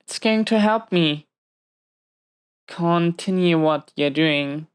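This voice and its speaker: With a clean tone and a voice on the low side, she speaks slowly as a protective, hot-tempered but tender supervillain in prison. The intimate audio roleplay has her addressing an unseen listener defensively and hesitantly, though her mood comes across soft and relaxed.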